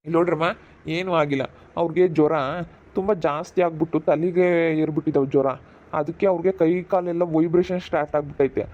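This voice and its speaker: A stern, brisk doctor, played by a man, in a rural village drama, his voice pitched high and his words coming fast. He scolds and orders people about, and the lo-fi recording sounds dull. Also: close to an everyday voice.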